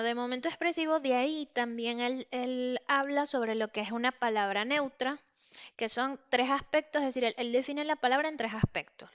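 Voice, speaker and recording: A woman lectures in a smooth, clear voice that sits a little high. She explains ideas step by step, pausing on fillers and checking that her listeners are following. The sound is slightly muffled and lo-fi. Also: a bit bright. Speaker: teacher. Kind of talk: online lecture.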